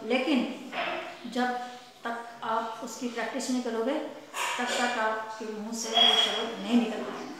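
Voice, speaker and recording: A woman teacher explaining a practical lesson, repeating points patiently and reading English tongue twisters slowly and deliberately. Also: on the high side, fairly bright tone. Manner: repetitive and explanatory, mixing Hindi with English phrases. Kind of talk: recorded classroom lesson. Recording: very echoey hall.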